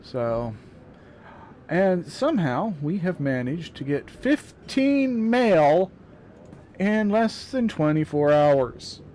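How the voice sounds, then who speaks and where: A man's voice: fairly high pitch, very animated, darkish tone, slight background noise. An older man hosting a gaming video, chatting casually and reading game mail aloud while his bitten tongue hurts. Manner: slow, rambling, with fillers and muttered asides. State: sore tongue, speech slightly hurt. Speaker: gaming channel host.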